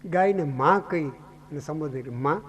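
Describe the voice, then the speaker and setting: A man from Gujarat tells a scripture story as a sermon in a high voice, dramatic and full of rhetorical questions. Faint noise sits under him. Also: expressive, moderate pace. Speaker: Bhagavata katha speaker.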